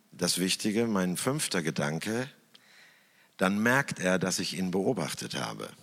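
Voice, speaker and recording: A man talks slowly and thoughtfully to an audience from a stage. His low voice rises and falls with lively emphasis between long pauses. A long reverb rings out through the hall. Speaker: speaker who works in church television. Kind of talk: reflective talk in front of an audience.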